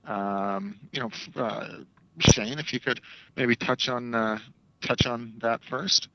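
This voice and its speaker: A man's voice: mid-range voice, takes it slowly, background noise. Hesitant male reporter on a dull phone line. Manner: hesitant, stammering, rambling. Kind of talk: press questions on a conference call.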